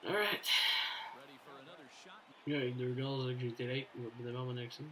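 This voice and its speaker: A fast-talking man with a Quebec French accent commentates casually on a baseball video game he's playing, sprinkling in English phrases. He's excitable, swinging from low muttering to loud cheering, and curses often. The recording is rough.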